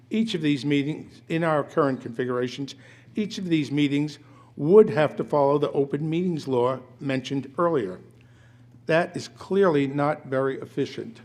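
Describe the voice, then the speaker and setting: An elderly man with a hoarse, failing voice, reading a prepared statement at a town meeting in a formal but halting way, often correcting himself. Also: fairly high pitch, a little mellow. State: hoarse, losing his voice. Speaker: resident speaking at a town meeting. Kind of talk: prepared public statement read aloud.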